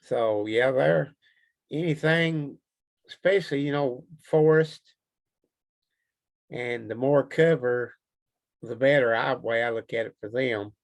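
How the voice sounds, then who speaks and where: A man with a Kentucky accent talks casually as an interview guest. His voice has a gravelly creak to it, and he rambles along in a plain, folksy way. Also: medium pitch, slow pace, pauses often. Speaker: Bigfoot researcher being interviewed.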